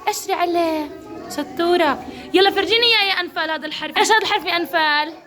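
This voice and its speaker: Levantine woman kindergarten teacher, very high and bright, cheering kids on one by one in a classroom. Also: rapid-fire. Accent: Levantine Arabic. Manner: encouraging, praising each child by name. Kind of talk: classroom instruction.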